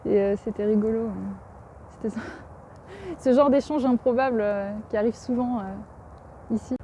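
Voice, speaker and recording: A woman's voice: fairly high pitch, a little slow, warm tone. A woman from France vlogging outdoors in a garden park, chatty and hesitant with lots of fillers. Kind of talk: casual vlog narration. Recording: outdoor wind noise.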